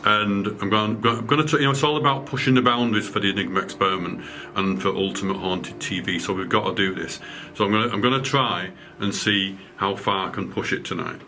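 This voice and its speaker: A man leading a night-time ghost hunt as a medium, calm and reassuring, often stumbling over his words. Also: on the low side, fairly quick, few pauses, slight background noise. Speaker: medium leading a paranormal investigation. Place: indoors in a house at night.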